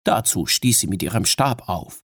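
A man narrating a fantasy story in a measured storytelling manner, raising his voice for the characters' lines. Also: on the low side, animated, a bit bright, husky, dry recording, studio quality. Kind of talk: scripted audiobook narration.

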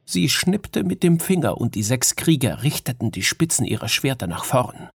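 A male narrator reads a fantasy story with measured pacing and a medium pitch. The recording is close and dry, with no room sound. He lifts his voice when speaking the characters' dialogue. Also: big pitch swings, creaky, husky, no room sound. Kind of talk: scripted audiobook narration.

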